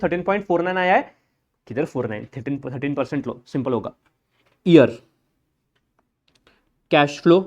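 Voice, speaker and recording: A man's voice: a little high, dull audio. A man giving a classroom lecture, talking bluntly and informally, teasing his students as he works through steps. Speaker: accounting lecturer.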